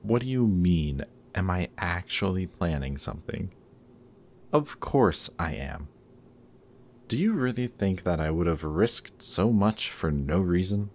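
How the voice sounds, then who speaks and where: In a roleplay audio drama, a man plays a gruff, guarded supervillain who is secretly caring, sardonic and boastful but hesitant and awkward when he shows he cares. His voice sits low, animated and a little mellow, at a measured pace. There's a little hiss or hum.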